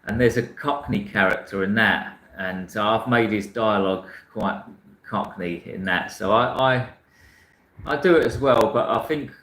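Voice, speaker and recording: Reading out viewer comments, the South London book channel host speaks at a measured pace in a fairly low but fairly bright voice, with reverberation around him. His casual talk about books is frank and meandering, and he keeps restarting sentences to correct himself.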